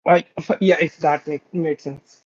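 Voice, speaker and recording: A man calls in to a debate show over a video call, talking hesitantly with many fillers and restarts in a casual debate. His voice is a little high with fairly even intonation, and he takes it slowly. The call mic sounds quiet, dull, and lo-fi.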